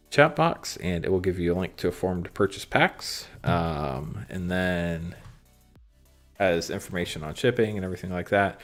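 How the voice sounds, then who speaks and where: Low-voiced man, gravelly, casual card-streamer chat, faint music behind. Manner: relaxed, reads card text aloud, frequent ums. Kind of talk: casual livestream commentary on cards. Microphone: phone and computer stream setup.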